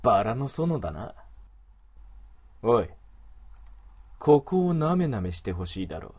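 A man voicing a domineering, mocking male wolf creature in an adult audio drama, with rough, commanding speech. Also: mid-range voice, big pitch swings, measured pace, darkish tone. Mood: leering, commanding.

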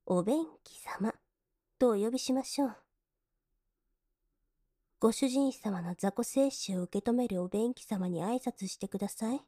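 A young woman playing a cold, scornful maid in an adult audio drama, politely contemptuous and mocking, sometimes dropping into soft whispers to sneer. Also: fairly high pitch, unhurried, long pauses, no echo, studio quality. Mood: coolly commanding.

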